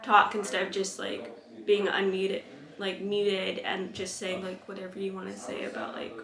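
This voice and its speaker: Hesitant teen girl with vocal fry. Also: mid-range voice, monotone, normal speed, fairly bright tone. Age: teens. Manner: hesitant, lots of fillers. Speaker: interviewee. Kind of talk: casual interview. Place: living room. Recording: echoey room with chatter.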